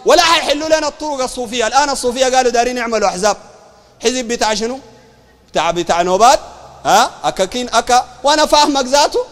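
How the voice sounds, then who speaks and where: A man with a Sudanese Arabic accent preaching a colloquial sermon, animated and mocking, full of rhetorical questions. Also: extremely high pitch, rapid-fire, big-room sound.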